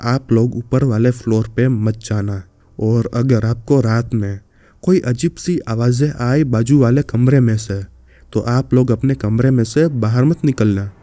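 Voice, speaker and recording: A man voicing a creepy old woman who keeps a haunted hotel, giving flat, low warnings in a horror story. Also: a little slow, dry recording, lightly acted. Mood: eerie.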